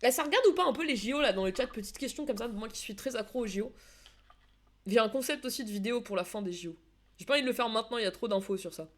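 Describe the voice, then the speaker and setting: With a slightly high, animated voice and rapid-fire delivery, a woman casts a football video game on her live stream and chats with viewers in a relaxed way. Her speech is dotted with fillers and restarts.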